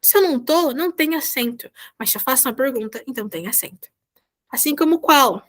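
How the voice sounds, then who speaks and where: Brazilian woman, volunteer teacher on a video call, fairly high voice, patient and repetitive, checks in often. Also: lively intonation, fairly quick. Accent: Brazilian Portuguese. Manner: patient, repeats "tá?" to check understanding. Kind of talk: online class explanation.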